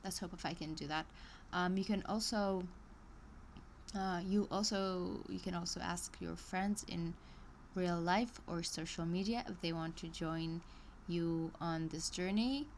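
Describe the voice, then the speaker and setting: On a casual live stream, a woman reads an online course aloud, unhurried, her lowish voice keeping a fairly even intonation. She hesitates a lot with ums and restarts, drifting into chatty asides and little laughs. There's slight background noise.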